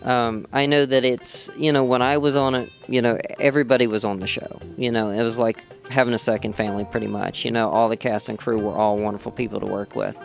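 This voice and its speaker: Loud background music accompanies this West Virginia actor as he fields questions at a fan convention. His mid-range voice is steady, brisk and creaky with hardly any pauses, and he rambles with restarts and plenty of "you know."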